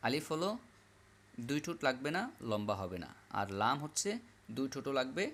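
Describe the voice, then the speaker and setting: A man teaching Quran reading, patiently repeating each letter aloud in a slow classroom style. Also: medium pitch, animated, fairly bright tone. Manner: repetitive, drills letters aloud.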